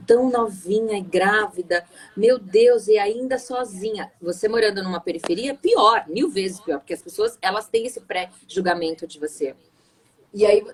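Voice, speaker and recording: A woman, a guest telling her personal story in an emotional, animated way. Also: medium pitch, husky. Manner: emotional, animated retelling with many restarts.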